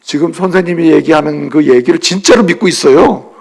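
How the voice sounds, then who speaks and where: A male preacher voicing a puzzled young child who earnestly tattles on a classmate to the teacher, in a high, gravelly voice. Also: brisk, a little mellow.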